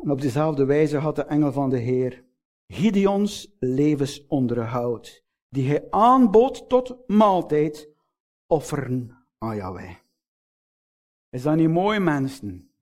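High-voiced Flemish preacher. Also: male voice, sing-song. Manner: earnest, addresses listeners directly with frequent rhetorical questions; swings between raised emphatic phrases and low, slowed, hushed endings. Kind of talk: sermon.

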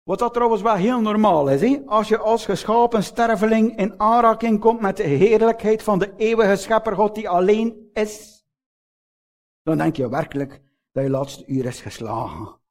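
A Flemish man delivers a sermon in a fairly high-pitched voice, speaking straight to his listeners and asking them question after question. He lifts some phrases with emphasis, then lets others sink into a low, slow hush. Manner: earnest, addresses listeners directly with frequent rhetorical questions; swings between raised emphatic phrases and low, slowed, hushed endings. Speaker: preacher.

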